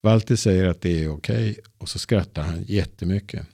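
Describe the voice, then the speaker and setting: Male narrator, low gravelly husky voice, dark tone, dry close sound. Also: no echo. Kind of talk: easy-Swedish storybook reading.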